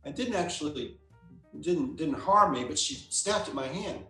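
Male therapist guest, slightly high voice, echoey room, chatty storytelling. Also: moderate pace, faint music behind. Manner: relaxed anecdotal explaining, acts out quoted lines. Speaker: psychotherapist guest. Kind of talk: interview answer, storytelling. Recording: roomy echo.

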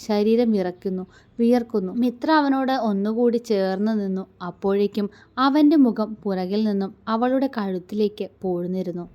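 Woman, storyteller, romance story narration, soft and even. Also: medium pitch, moderate pace, muffled recording.

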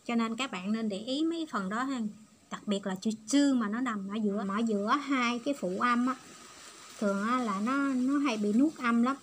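A woman's voice: fairly high pitch, moderate pace, a little hiss or hum. A woman giving a patient, step-by-step online language lesson. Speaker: Japanese language teacher.

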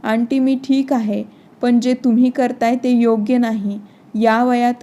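A woman voicing a blunt, hot-tempered grown son in a storybook narration, read in a steady, even way. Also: very high-pitched, a little slow. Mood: sarcastic. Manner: blunt, sarcastic. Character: grown son, blunt then torn and furious.

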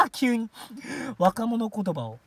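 A woman's voice: a little high, wildly swooping pitch, extremely slow, sharp tone. A woman hosting a solo livestream radio show, chatting casually in a rambling, self-mocking way. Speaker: streaming radio host.

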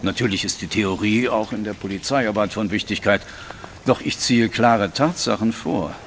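A man's voice: lowish voice, moderate pace, a bit bright, in a large hall, a little hiss or hum. An actor playing a sceptical police inspector in an audio drama, blunt and formal in his way of talking. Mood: sceptical, grudging.

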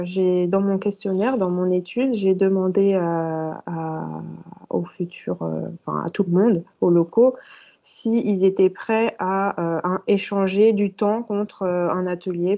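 A woman's voice: mid-range voice, dark tone. A woman participating in a webinar, talking hesitantly with many fillers. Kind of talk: casual online meeting chat. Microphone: video call. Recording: dull lo-fi video call audio.

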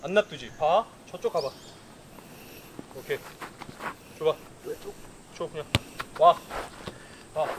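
A thirtysomething coach speaks with lively intonation, issuing brisk commands to footballers on an outdoor pitch. Captured by a distant camera, the recording is very noisy.

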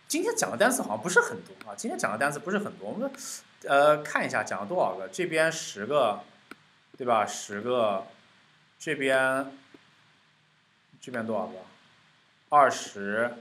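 A man teaching English vocabulary in a casual online lesson, explaining in Mandarin, sounding out English words slowly and playfully repeating words and phrases. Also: mid-range voice, sharp tone.

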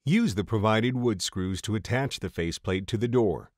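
A man reading a scripted voice-over for a step-by-step installation tutorial, in a steady, measured way. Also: fairly low pitch, no room sound, studio quality. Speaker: tutorial narrator.

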